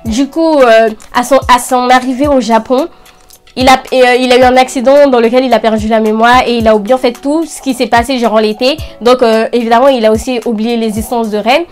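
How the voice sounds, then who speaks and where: Chatty, enthusiastic young woman, higher-pitched voice. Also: fairly even intonation, fairly quick, soft background music. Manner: chatty, enthusiastic anime fan; informal youth slang. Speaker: anime review channel host. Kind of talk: casual video recommendations to camera.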